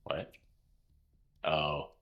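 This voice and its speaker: A man's voice: extremely slow, highs cut off. A man riffing and joking in casual gaming stream chat.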